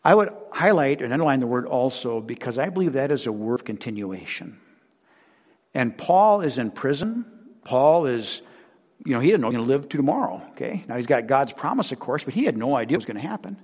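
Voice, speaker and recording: A man's voice: mid-range voice, big pitch swings, fairly quick, husky. Emphatic male pastor preaching in a hall. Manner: emphatic preaching, rising loud on key phrases. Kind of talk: sermon. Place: church sanctuary.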